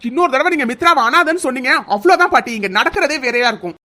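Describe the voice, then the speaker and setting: Lady voicing a young guy, fast and sharp, telling off his granny. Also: sits high, expressive, voice pushed down. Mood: indignant. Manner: firm, rebuking. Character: angry young man defending his cousin.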